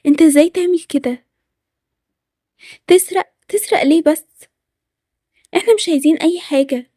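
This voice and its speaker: A woman's voice: extremely high pitch, normal speed, mellow, dry recording, clean studio sound. A woman with an Egyptian accent voicing an earnest young girl who learns her father is a thief, in a Toca Boca story. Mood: pleading. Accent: Egyptian Arabic.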